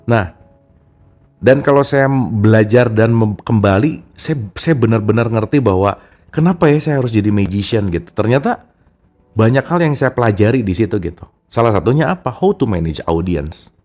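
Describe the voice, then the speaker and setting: A man's voice: lowish voice, animated, moderate pace, darkish tone. A man giving a casual, chatty talk about a self-help book and speaking straight to his listeners as friends. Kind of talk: casual spoken book discussion.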